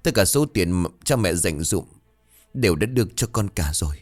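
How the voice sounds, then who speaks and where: A man's voice: low-pitched, animated, normal speed, soft background music. A man voicing a weary older mother who speaks firmly to her son.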